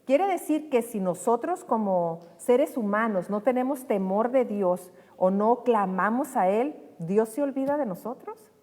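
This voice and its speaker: A woman's voice: a little high, expressive, measured pace, hardly any pauses, darkish tone. A woman leading a Bible study, retelling a story and putting questions to her listeners. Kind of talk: conversational Bible teaching. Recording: long reverb hall.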